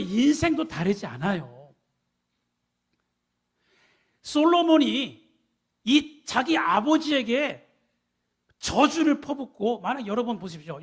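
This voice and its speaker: High-voiced Korean man preaching. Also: slightly rough. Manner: emphatic, rhetorical questions to the congregation. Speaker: pastor. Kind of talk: sermon.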